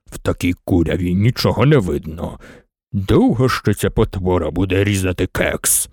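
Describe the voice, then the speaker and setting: A man voicing a sleepy, lazy lion who yawns and growls in a deep bass. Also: lively intonation, darkish tone, no echo, studio quality. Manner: yawning, slow and drowsy, growling.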